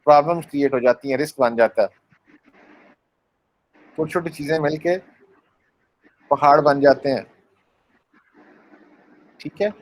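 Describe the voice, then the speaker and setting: A man's voice: a little high, fairly even intonation, unhurried, pauses often, poor audio. A man teaching a university class, explaining with small acted-out scenes, asking students questions and mixing English phrases into his talk. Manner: mixes English phrases into Hindi speech. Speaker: university lecturer. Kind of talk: classroom lecture.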